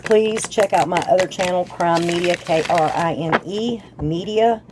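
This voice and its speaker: A woman's voice: on the low side, unhurried, noisy background. A woman with a congested, sore-throat voice that breaks up here and there, chatting casually and folksily to viewers as she gives a tarot reading. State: sore throat with sinus drainage, voice slightly off and breaking up. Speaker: tarot reader and channel host.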